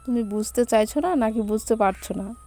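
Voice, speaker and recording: A woman's voice: fairly high pitch, brisk, warm tone, faint music behind. A woman narrator voicing Rai, a young woman who sulks and snaps out of jealousy. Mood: jealous. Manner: sulky, snappish.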